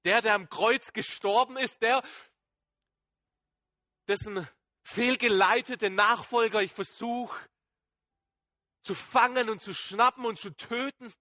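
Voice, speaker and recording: A man acting out a fervent apostle in a dramatic sermon monologue. The voice sits high and bright, in a dry, close sound. He talks in halting bursts of excitement that fall into hushed awe. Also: no room sound, heavily acted. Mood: awed, fervent. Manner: emotional and halting, swinging between excited outbursts and hushed awe. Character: Apostle Paul as a man, shaken and fervent, recounting his conversion.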